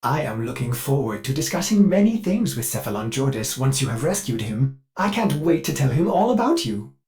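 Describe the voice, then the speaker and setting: A fussy, lively male ship computer AI delivers scripted video game lines in a mid-range voice at a fairly quick pace. Devoted, polite, eager and deferential, he breaks into violent outbursts with flashes of bloodthirsty rage.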